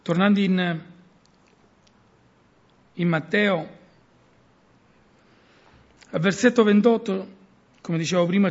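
A middle-aged man preaching with earnest emphasis that swings up and down. His voice sits high, with a gravelly, husky grain. The recording is muffled and lo-fi. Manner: earnest, rising and falling emphasis. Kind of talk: sermon.

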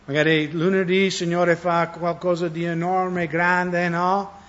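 Male preacher, conversational sermon, slightly high voice, dull lo-fi sound. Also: flat delivery, a little slow, a bit bright. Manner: conversational, asks the audience questions. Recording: dull lo-fi recording.

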